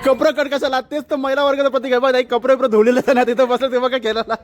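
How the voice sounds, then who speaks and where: A man's voice: very high-pitched, level tone, rapid-fire. A man vlogging as he walks through a street festival, chatting, exclaiming and greeting passers-by. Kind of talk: casual walking vlog commentary. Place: outdoor city street at a festival. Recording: loud street crowd behind.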